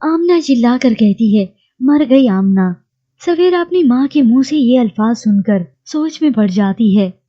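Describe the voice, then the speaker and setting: A woman narrating a recap of a TV drama in a steady storytelling read. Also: fairly high pitch, normal speed, lo-fi sound.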